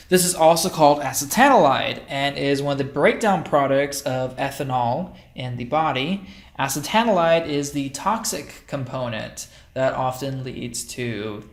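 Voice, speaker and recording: Man lecturing casually in a roomy echo. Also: mid-range voice. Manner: relaxed, thinking aloud with fillers and self-corrections. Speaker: chemistry lecturer. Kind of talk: casual recorded lecture over slides.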